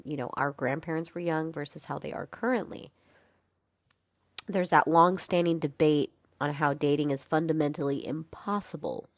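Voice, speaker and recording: Her voice is low-pitched with a darkish tone, captured in studio quality with no room sound. She is a young solo podcast host who chats casually and frankly, sounding congested, using plenty of fillers and the occasional swear word.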